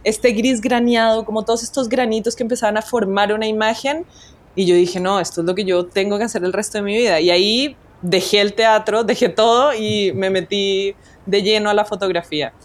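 Speaking a little fast in a steady, mid-range voice, a Colombian woman shares her story as a guest photographer in a conversational interview. She is reflective and frequently starts her sentences over.

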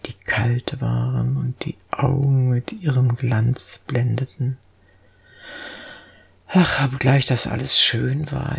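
Gravelly, whispery storybook narrator. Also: mid-range voice. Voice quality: very gravelly, breathy, often half-whispered. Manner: slow, soft storytelling. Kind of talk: audiobook storytelling.

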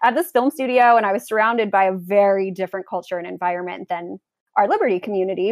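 A woman's voice: mid-range voice, no echo. Casting: woman in her twenties, Valley Girl accent, casual podcast guest, mid-range voice, very dry close sound. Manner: Valley Girl talk peppered with "like". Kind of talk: casual interview chat.

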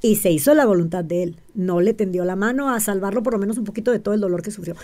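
A woman's voice: medium pitch, fast talker, dark tone. A woman explains things as an interview guest, often checking in with the listener and asking rhetorical questions. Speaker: interview guest, self-described witch.

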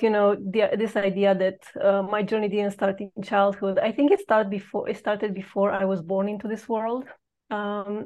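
A Romanian woman in her late thirties appears as a podcast guest, recounting her personal story haltingly and reflectively, with many pauses. Her voice is mid-range with a darkish tone.

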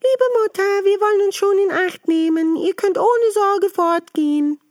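Woman putting on tiny goat kids, way up high and squeaky, loud and close, dry sound. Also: unhurried, no room sound. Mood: pleading. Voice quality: high, squeaky childlike voices.

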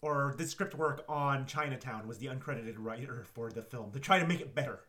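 A man's voice: mid-range voice, brisk, a bit bright. A man co-hosting a movie podcast, chatting casually and reading out lines from the film in mock-dramatic voices. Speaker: podcast co-host. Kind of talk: casual movie review chat.

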